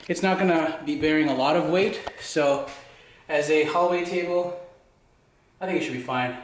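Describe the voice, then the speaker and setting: Winded man in an echoey workshop. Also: fairly high pitch. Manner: chatty, self-deprecating, thinking aloud. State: out of breath, sweating. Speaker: woodworking vlogger. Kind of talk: casual workshop vlog. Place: home workshop. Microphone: handheld USB mic. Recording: echoey workshop, faint noise.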